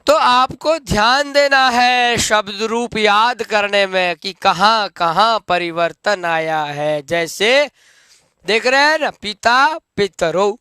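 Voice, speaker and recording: A man's voice: high voice, bright, forceful tone, clean tone, no room sound, clean studio sound. A man teaching Sanskrit grammar, reciting noun forms one by one and checking that students follow. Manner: slow, drilled recitation of forms with checks for understanding.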